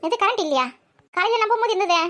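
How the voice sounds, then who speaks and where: A woman's voice: very high voice, expressive, fairly bright tone. A woman voicing a busy mother who scolds and teases her two daughters in a comic family skit. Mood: bossy. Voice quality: quick, bossy and teasing.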